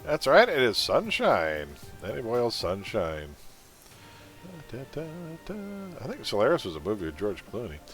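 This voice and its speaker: A man's voice: on the low side, huge pitch swings, moderate pace, few pauses, fairly bright tone, soft background music. Joking man hosting a stream trivia quiz. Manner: joking, sarcastic asides between questions. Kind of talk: casual livestream quiz hosting.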